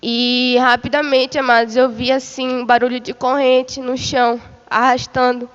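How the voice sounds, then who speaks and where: A woman's voice: high-pitched, level tone, normal speed, smooth, in a large hall, lo-fi sound. A woman giving a religious testimony of a vision, retelling it in a repetitive way and calling her listeners beloved. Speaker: church member giving testimony.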